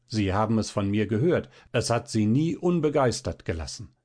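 A man's voice: on the low side, expressive, moderate pace, a little mellow. A man voicing a proud, hot-tempered violinist who bursts out in theatrical indignation. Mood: boastful.

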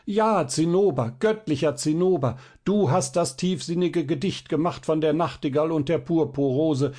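A man's voice: on the high side, normal speed, mellow, voice pushed up, close to an everyday voice. A man voicing a frantic, jealous young male student in a storybook reading, talking in a pleading, agitated way.

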